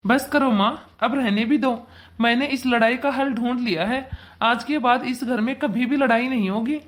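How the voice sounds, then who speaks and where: A woman voicing a weak-willed adult son and father in a cartoon, who talks softly and gives in easily. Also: on the high side, moderate pace, close to an everyday voice. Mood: stern. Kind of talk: cartoon voice acting.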